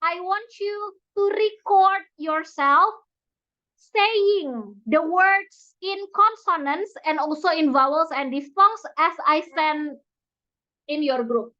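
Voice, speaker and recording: A woman with an Indonesian accent giving a pronunciation lecture, explaining slowly and repeating each example word, in a dull lo-fi recording. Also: very high-pitched, pushed and bright. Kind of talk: recorded online lecture mixing Indonesian and English.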